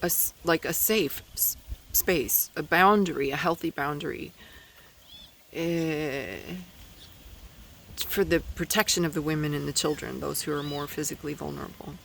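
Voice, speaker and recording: A man's voice: on the high side, steady tone, normal speed, gravelly, a bit bright, low-quality recording. A man hosting a podcast in a rambling opinion monologue, hesitant and blunt, recorded outdoors in the wind. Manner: hesitant, many fillers and restarts, blunt opinions. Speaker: podcast host.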